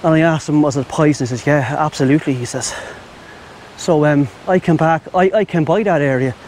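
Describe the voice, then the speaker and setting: An Irish travel vlogger with a fairly high, darkish-toned voice talks briskly to camera outdoors in the Thai countryside, wearing a lavalier mic. There's slight background noise as he rambles chattily, calling his viewers "my friends."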